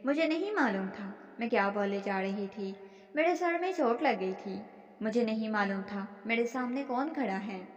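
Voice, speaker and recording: A woman's voice: a little high, animated, lightly acted. A woman voicing a frightened, angry young educated woman who speaks through tears, in a dull, echoey recording. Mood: tearful anger. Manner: tearful, indignant.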